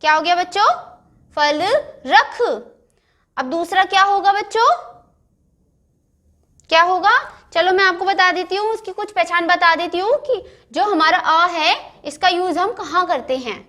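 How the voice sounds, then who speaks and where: A woman's voice: very high voice, a little slow, pauses often, bright, forceful tone. A woman teaching young children to read, sounding out words syllable by syllable and asking them questions. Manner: keeps checking in with "theek hai". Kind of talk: primary school phonics lesson.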